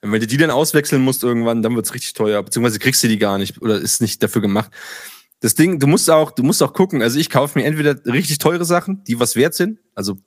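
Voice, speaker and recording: A man in casual chat, telling lively stories, acting out dialogue and swearing freely. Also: mid-range voice, fast talker, dry recording, studio quality. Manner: animated storyteller, acts out dialogue, swears casually.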